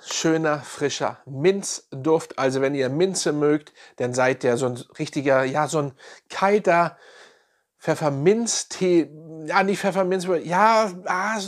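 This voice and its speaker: A man reviewing fragrances in a casual, enthusiastic way, piling on slangy praise. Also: a little high. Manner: enthusiastic, repeats slang praise like "nice" and "geil".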